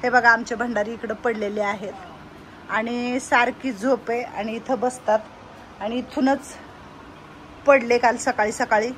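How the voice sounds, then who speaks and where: A woman giving a casual walk-around vlog of an old age home she runs, chatting and loudly coaxing the residents. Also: a little high, steady tone, a little slow, slight background noise.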